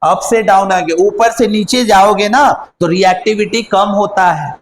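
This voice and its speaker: A man's voice: high-pitched, normal speed, a little hiss or hum, rough recording. A man teaching a chemistry lesson online, repeating key words and quizzing his pupils as he goes.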